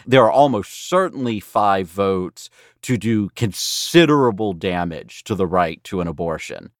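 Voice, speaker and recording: A man's voice: fairly low pitch, animated, measured pace, no echo, clean studio sound. An American man speaking as a legal correspondent, explaining things emphatically in an interview.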